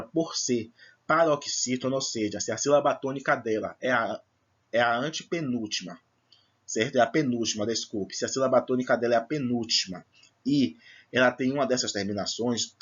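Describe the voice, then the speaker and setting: A man's voice: mid-range voice, slightly rough, dull audio. A man teaching a recorded lesson, explaining step by step in a patient way and checking that his students follow. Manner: patient, explanatory, checks understanding with "certo?" and "tá bom?".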